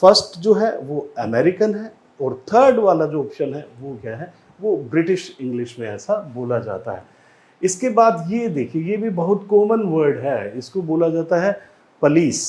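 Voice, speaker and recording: A man with an Indian accent teaching an exam-prep English lesson, explaining slowly and repeating each word for drill. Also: fairly high pitch, big pitch swings, darkish tone.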